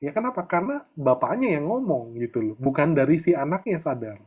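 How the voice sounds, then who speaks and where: A middle-aged man leads a coaching session in an easygoing, conversational tone. His voice sits a little high for a man, and he keeps tagging his sentences with small fillers as he talks. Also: sing-song, a little fast, breathy edge. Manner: chatty, peppers talk with filler tags. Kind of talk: casual online coaching talk.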